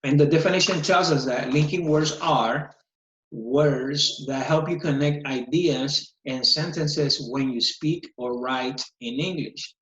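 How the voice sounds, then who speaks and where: This man teaches English online, patiently walking through each step in a voice that is a little high with a fairly bright tone. The clip is a screen recording of a video call picked up by a computer microphone, and the sound comes across dull and echoey.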